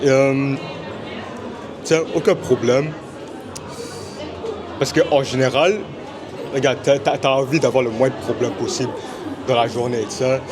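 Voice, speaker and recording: A man's voice: medium pitch, steady tone, unhurried, pauses often. Laid-back young man amid a crowd. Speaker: interviewed student. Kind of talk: casual street interview. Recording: noisy crowded outdoor spot.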